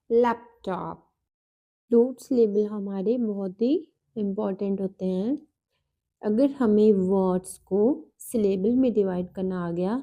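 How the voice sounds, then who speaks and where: A woman with an Indian accent teaching a children's phonics lesson, sounding out letters one by one in a careful, deliberate way. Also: medium pitch, mellow. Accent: Indian English.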